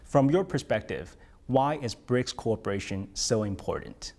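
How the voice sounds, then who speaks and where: A man with a medium-pitched voice works as an interviewer. He puts formal, prepared questions in an articulate broadcast style. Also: animated, a little slow, vocal fry, darkish tone.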